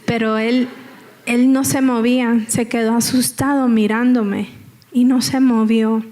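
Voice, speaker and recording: A woman's voice: fairly high pitch, fairly even intonation, measured pace, darkish tone. A woman telling her personal story as a church testimony, in a conversational way that repeats phrases and checks in with the audience. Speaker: guest speaker giving testimony.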